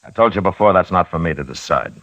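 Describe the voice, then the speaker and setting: Frontier marshal, American accent, extremely low bass, grave, commanding, world-weary, vintage radio western. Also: male voice, animated, quick pace, fairly bright tone, lo-fi sound, full character voice. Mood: stern. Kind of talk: 1950s radio western acting.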